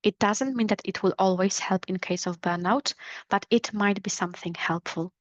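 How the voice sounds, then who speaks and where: A woman's voice: medium pitch, fairly even intonation, normal speed, no echo. Non-native woman presenting on a muffled video call. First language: not English. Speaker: webinar presenter. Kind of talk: explanatory webinar talk on a video call. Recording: dull lo-fi call audio.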